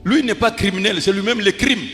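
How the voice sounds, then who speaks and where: Male pastor, high voice, sermon in clipped phrases for an interpreter; long hall reverb, faint music behind. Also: fairly bright tone. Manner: preaching in short phrases, pausing for an interpreter.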